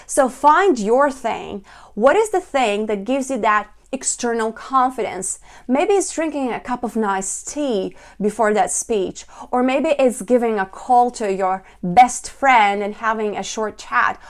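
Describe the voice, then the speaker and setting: Female public speaking coach, slightly high voice, deliberate and emphatic demonstration-style delivery for instructional presentation. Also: animated.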